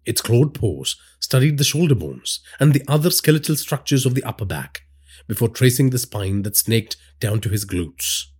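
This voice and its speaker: Brief: a male horror storyteller with a husky voice and dramatic delivery. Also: medium pitch, moderate pace. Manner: dramatic storytelling with lively inflection. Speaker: narrator. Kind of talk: scripted horror narration.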